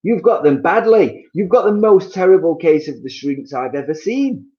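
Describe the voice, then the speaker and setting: A man's voice: fairly high pitch, expressive, normal speed, dark tone, lo-fi sound, voice pushed up, lightly acted. A man voicing a nasty old man who taunts and jeers at his wife in a storybook reading. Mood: taunting. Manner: taunting, jeering. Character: cruel gloating old man, nasty prankster.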